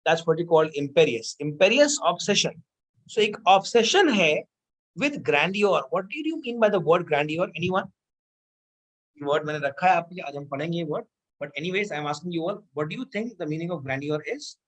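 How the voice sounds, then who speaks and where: A woman's voice: fairly low pitch, animated, slow pace, rough recording. A young adult woman with an Indian accent teaching a vocabulary lesson, mixing Hindi and English, repeating key words and quizzing her students.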